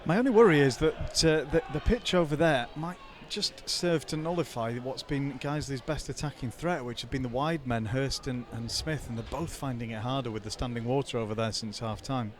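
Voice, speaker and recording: A man's voice: mid-range voice, fairly quick, few pauses. A man doing co-commentary on a football stream, offering dry, self-deprecating banter with frequent stumbling restarts. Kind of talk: casual commentary chat. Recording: noisy outdoor stadium crowd.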